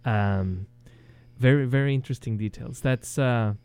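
A Chilean man with a Chilean Spanish accent is a guest in a casual video-call interview, speaking English as a second language. His medium-pitched voice is smooth, moderately paced, and free of echo, and he sounds hesitant, with many ums and restarts and soft chuckles.

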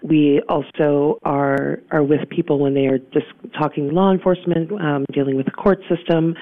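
Guest on the phone, tinny line, gravelly voice, earnest, pausing with um, interview answers. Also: medium pitch, fairly even intonation, dry recording. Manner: earnest, with frequent "um" pauses and restarts. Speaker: guest from a local survivor services center.

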